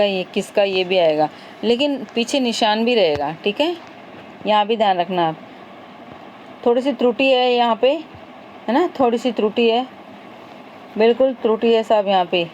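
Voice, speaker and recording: A woman with a slightly high voice leads an exam-prep grammar lesson. She reads each question and repeats its options aloud, patiently and steadily. A faint hiss of background noise runs under her voice. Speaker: teacher.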